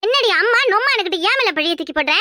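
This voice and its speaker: A woman voicing a sharp-tongued older village mother-in-law in a cartoon, with a Kanyakumari Tamil accent and a quick, shrill scolding manner. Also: expressive, no echo, studio quality, full character voice. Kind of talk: cartoon voice acting.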